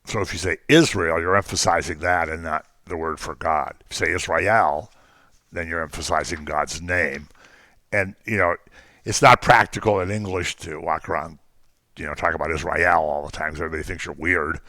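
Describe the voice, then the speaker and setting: A man's voice: extremely low pitch, steady tone, brisk, sharp tone, no room sound, studio quality. A man teaching an informal Bible class, talking conversationally with frequent ums and jokey asides to the class.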